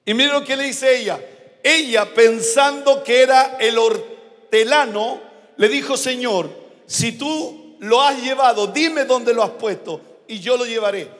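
High-voiced Chilean pastor preaching slowly. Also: male voice. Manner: slow, emphatic preaching with shouted climaxes. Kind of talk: sermon. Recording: long hall reverb.

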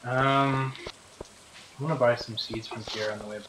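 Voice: medium pitch, steady tone, normal speed, noisy background. A streamer joking and swearing while playing a farming game, sometimes talking with a full mouth. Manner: jokey, swears casually, talks with mouth full. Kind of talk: casual gameplay chat.

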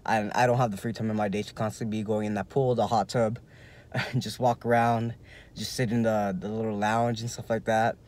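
A man's voice: fairly low pitch, level tone, fairly quick, a little mellow. A young man in his twenties chatting casually in a vlog review from inside a parked car, rambling loosely and leaning heavily on filler words, recorded on a phone held at arm's length. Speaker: vlogger.

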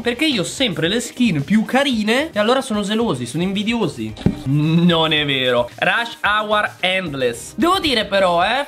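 A man hosting a casual gameplay video, talking excitably and straight to his viewers while his voice goes a little hoarse. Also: high-pitched. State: voice going hoarse. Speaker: gaming channel host.

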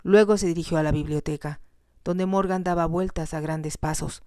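Low-voiced woman reading a novel. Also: steady tone, moderate pace, dark tone, dry recording, studio quality. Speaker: storyteller. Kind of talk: audiobook narration of a novel.

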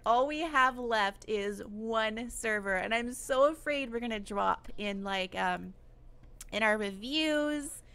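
A woman giving casual let's-play commentary on a video game, excitable and exclamatory, laughing often. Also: a little high. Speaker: gaming YouTuber.

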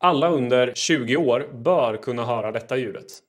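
A man presenting fast quiz and fact clips for social media, with quick, punchy delivery and deadpan pun jokes. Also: medium pitch. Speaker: TikTok creator.

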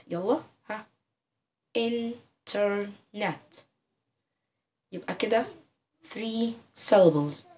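Egyptian woman teacher, higher pitch, patient and clear, stretches example words, mic set back a bit. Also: mellow, recorded from a distance. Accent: Egyptian Arabic. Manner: clear, patient explaining with drawn-out sample words. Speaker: English teacher. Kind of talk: casual online lesson.

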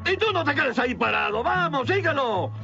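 A man's voice: extremely high pitch, lively intonation, moderate pace, vocal fry, heavily acted. A man voicing a short-tempered, bossy little western sheriff in a cartoon dubbed in Latin American Spanish. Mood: indignant. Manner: bossy, indignant. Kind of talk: cartoon dubbing. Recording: muffled lo-fi cartoon soundtrack, loud music.

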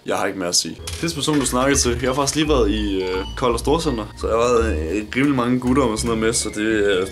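A nineteen-year-old man from Denmark works through viewer questions in a casual vlog. He talks in a blunt, joking way and swears constantly. His voice sits at a middling pitch, with faint music in the background. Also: hardly any pauses. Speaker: YouTuber.

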